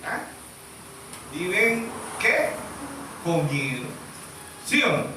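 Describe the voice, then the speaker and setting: A Venezuelan pastor preaches an emphatic sermon in a church hall, asking the congregation questions and waiting for their replies. His fairly high voice is sing-song and slow-paced, with background noise. The echoey church sound is recorded from a distance.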